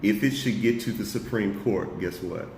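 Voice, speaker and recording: A man's voice: on the low side, normal speed, vocal fry, darkish tone. A man co-hosting a political discussion, speaking heatedly, stumbling over repeated words as he gets worked up and saying y'all. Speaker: co-host. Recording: echoey room, faint noise.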